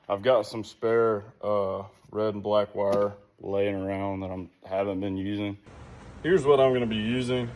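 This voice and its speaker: This DIY car vlog features a man with a fairly low, darkish voice speaking in a steady, unhurried way as he works outdoors on a vehicle. He's folksy and easygoing, thinking aloud, while wind and outdoor ambience make the recording noisy.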